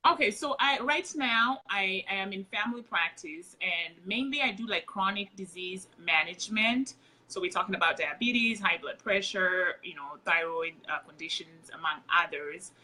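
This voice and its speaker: A woman's voice: mid-range voice, expressive, moderate pace, bright, forceful tone, slight background noise, rough recording. A woman with a Kenyan accent, a nurse practitioner, chatting as a guest on a casual livestream interview and laughing easily.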